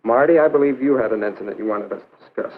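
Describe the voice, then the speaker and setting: A man acting a courteous discussion leader, measured and slightly stiff, in 1950s educational film style. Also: medium pitch, close to an everyday voice. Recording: noisy, phone-like 1950s film soundtrack.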